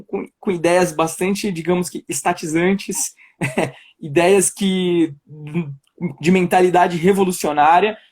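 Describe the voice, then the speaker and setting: A man's voice: sits high, a little mellow. A young man with a São Paulo accent, a guest chatting casually in a live-stream interview over a video call, laughing often and trailing off into restarts. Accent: Paulistano Brazilian Portuguese. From Brazil, São Paulo. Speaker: guest, political pre-candidate.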